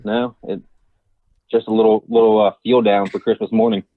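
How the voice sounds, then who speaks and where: A man joins the chat over a phone line. His voice is thin and narrow-band, sitting fairly low, with a dry, close sound. He talks in a relaxed, halting way, restarting his phrases. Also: no echo. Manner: laid-back, halting, with restarts and chuckles. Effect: heard over a phone line. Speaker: podcast guest. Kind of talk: casual chat.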